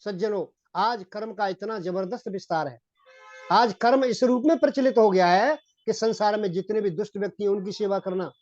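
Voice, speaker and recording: A man giving a Hindi-accented sermon on Vedic philosophy, repeating phrases and often addressing his listeners as gentlemen. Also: sits high, a little fast, no room sound, faint music behind. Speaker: Vedic preacher. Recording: dull, dry lo-fi recording.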